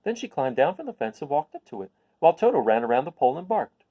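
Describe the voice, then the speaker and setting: A man reading a children's story aloud as an expressive storyteller. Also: fairly high pitch, fast talker, lo-fi sound. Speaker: storyteller, host of a read-aloud series.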